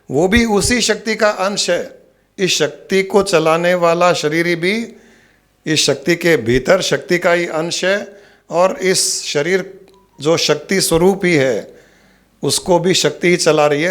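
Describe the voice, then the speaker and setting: Slow, measured male spiritual teacher. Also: fairly high pitch. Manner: slow, measured, with rhetorical questions. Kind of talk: spiritual discourse.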